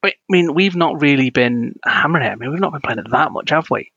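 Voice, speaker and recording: Gaming-podcast co-host, young man, bright forceful tone, dry close sound, rants and jokes. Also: a little high, animated, fast talker, husky, dry recording, muffled recording. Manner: ranting, self-deprecating, laughs often. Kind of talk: casual gaming podcast chat.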